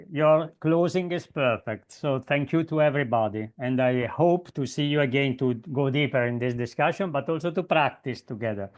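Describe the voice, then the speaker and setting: A man closes an online seminar over a video call with gentle, halting thanks. His voice is of middle pitch for a man. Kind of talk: closing remarks in online seminar.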